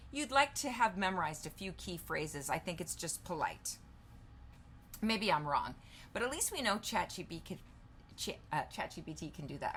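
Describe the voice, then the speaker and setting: A medium-pitched, fairly bright female voice belongs to a vlogger in her fifties, with a little hiss or hum on the recording. She keeps things chatty and casual on camera, typing while she thinks aloud and reading her screen's answers aloud as she demonstrates.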